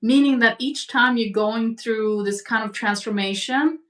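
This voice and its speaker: A woman in a spiritual conversation, speaking reflectively and gently, over a video call. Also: a little high, unhurried, recorded from a distance. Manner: reflective, gentle, uses imagery. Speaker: guest.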